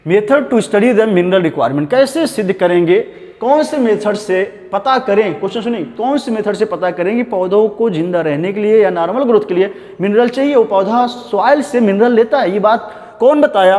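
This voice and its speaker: "Beta," this exam-prep biology teacher keeps saying, along with a repeated "dhyan denge," in high-pitched, darkish-toned Hinglish. He slowly reads from the textbook, then explains quickly, while a long reverb hangs on every word.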